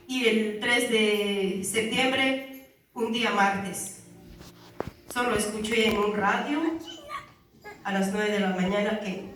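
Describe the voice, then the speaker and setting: A woman's voice: medium pitch, a bit bright. A woman earnestly giving a religious testimony to a congregation, calling her listeners brother and sister. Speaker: church member giving testimony. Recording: very echoey hall, far from mic, faint music.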